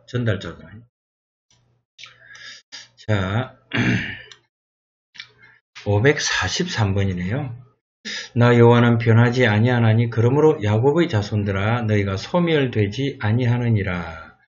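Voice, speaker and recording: A man tutoring through a Bible exam review lesson, reading verses aloud and sounding out English words slowly. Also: on the low side, a little mellow, lo-fi sound.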